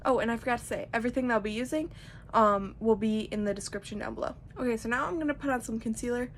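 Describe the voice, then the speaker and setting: A woman's voice: on the high side, fast talker, music in the background. A young woman giving a casual, chatty tutorial, rambling informally with lots of "like". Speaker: makeup tutorial host.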